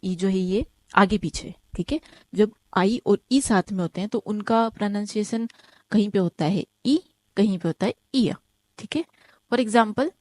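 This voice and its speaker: In an online German lesson, a woman with a mid-pitched, slightly mellow voice walks through the material step by step, often asking "ठीक है?". Every example word is spoken slowly and twice. The recording is dry and close, with no room echo.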